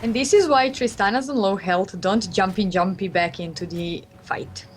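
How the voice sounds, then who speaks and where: A woman co-commentates an esports match, calmly breaking down the plays with a teasing edge. Her voice sits at an ordinary pitch. Faint music plays in the background. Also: moderate pace. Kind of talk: analytical game commentary.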